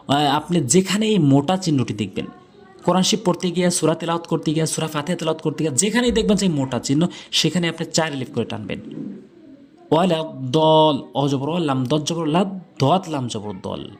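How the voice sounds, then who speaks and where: A man teaching Quran recitation, spelling out Arabic letters syllable by syllable and reciting verses in a drawn-out chant. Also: a little high, lively intonation. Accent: Bangladeshi Bengali. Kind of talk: tajweed lesson with chanted recitation.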